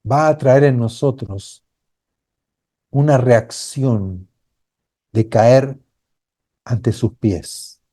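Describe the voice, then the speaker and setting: A man's voice: mid-range voice, drawn-out words, long pauses, warm tone. A man preaching a sermon as pastor, earnest and building to fervent cries. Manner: acts out quoted voices of a blind beggar crying out.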